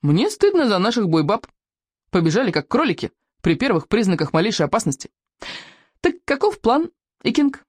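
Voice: medium pitch, big pitch swings, normal speed, dry recording, clean studio sound, pitched above the performer's own voice. A reader doing a brash young Viking girl. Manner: brash, offhand, thrill-seeking.

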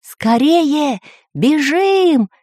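A woman's voice: deep voice, lively intonation, takes it slowly, gravelly, a little mellow, no room sound, clean studio sound, exaggerated voice. A woman voicing a learned male professor in a storybook reading, explaining and then crying out in alarm.

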